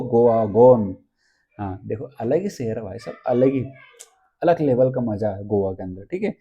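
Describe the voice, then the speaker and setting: A man's voice: medium pitch, dark tone, lo-fi sound. A male teacher running an exam-prep lesson, asking questions and answering them himself and repeating key points.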